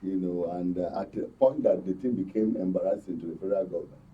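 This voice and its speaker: Appearing as a panel guest, a political commentator with a Nigerian accent analyses politics during a discussion. He talks fast in a low-pitched voice, picked up by a somewhat distant, muffled mic.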